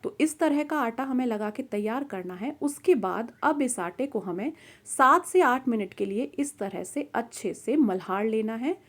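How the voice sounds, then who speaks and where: A woman's voice: fairly high pitch, animated, a little slow, fairly bright tone. Woman explaining a recipe step by step. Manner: friendly, step-by-step instructional. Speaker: cooking show host. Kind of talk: recipe demonstration voice-over.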